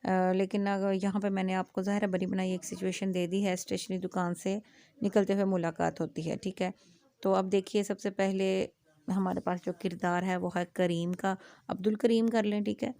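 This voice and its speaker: A woman's voice: medium pitch, flat delivery, gravelly, warm tone, no echo. A young adult woman teaching an Urdu writing lesson, explaining step by step and spelling words letter by letter, often checking with her students. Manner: frequent "aa" fillers, asks "theek hai?". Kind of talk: classroom lecture.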